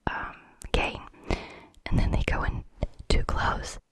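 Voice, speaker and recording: An ASMR creator speaks entirely in a breathy whisper. The mouth is almost on a very sensitive microphone, so every word lands right up close. Words are often stretched out slowly in a casual, talk-to-the-viewer way. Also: a bit bright, no room sound. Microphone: very close, high-sensitivity microphone.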